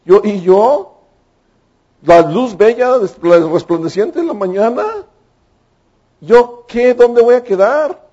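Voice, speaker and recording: Man doing a jealous fallen angel, indignant, self-pitying, high-pitched, muffled lo-fi sound. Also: very animated, slow, pauses often, warm tone, heavily acted. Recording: dull lo-fi recording.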